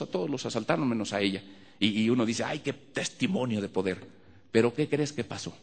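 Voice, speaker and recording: A man's voice: on the low side, in a large hall. A man with a Mexican accent preaching a fervent sermon as a pastor in a church, repeating phrases of praise.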